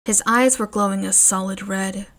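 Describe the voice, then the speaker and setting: A woman narrating a fanfiction story in an expressive, measured reading. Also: medium pitch.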